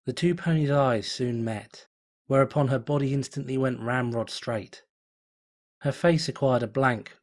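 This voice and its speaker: At home, a man reads a piece of fanfiction aloud in a measured, dramatic style. His pitch is an ordinary mid-range for a male voice, and he builds suspense steadily from one line to the next.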